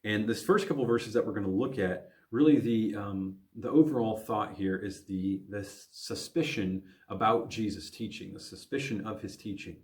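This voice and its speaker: With a low-leaning voice at a moderate pace and few pauses, a male pastor from the Midwest teaches teens in a recorded Bible lesson, often restarting and filling gaps as he thinks aloud.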